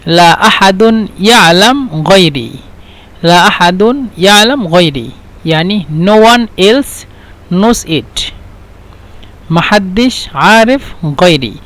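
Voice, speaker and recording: Man, high voice, language teacher, patient and repetitive delivery. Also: fairly bright tone. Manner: repeats phrases slowly, then translates into Standard Arabic and English. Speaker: Arabic teacher. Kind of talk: language lesson.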